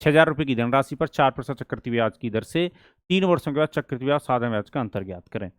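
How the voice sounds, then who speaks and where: A man teaching a maths lesson for exam prep. He asks the class questions and answers them himself, and he reads problems slowly and deliberately. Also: medium pitch, lively intonation, dry recording, clean studio sound.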